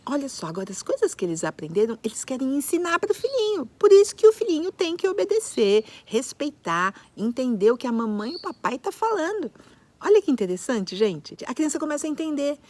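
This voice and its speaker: A woman psychologist giving parenting advice, talking expressively and acting out little scenes as she goes. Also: high voice. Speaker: child psychologist.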